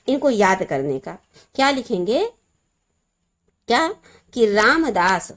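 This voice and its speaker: A woman teacher giving a lesson to students, explaining a memory trick and slowly repeating the key words. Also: mid-range voice.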